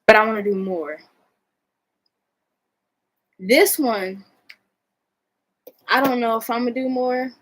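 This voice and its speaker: A woman's voice: on the high side, slow, long pauses, fairly bright tone, low-quality recording. An American woman chatting casually in a vlog, rambling in a laid-back way and swearing freely. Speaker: vlogger showing own artwork. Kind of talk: casual chat.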